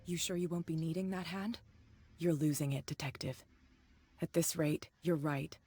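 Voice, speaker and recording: A woman voicing a sharp, mocking woman in a video game, speaking in a taunting way. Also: sits low, a little slow, husky, full character voice. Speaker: game character.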